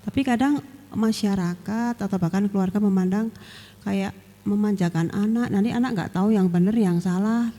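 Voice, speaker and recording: A woman's voice: medium pitch, moderate pace, warm tone. Hesitant woman asking from the floor. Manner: hesitant, unsure. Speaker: audience member asking a question. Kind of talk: question from the floor. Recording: reverberant hall.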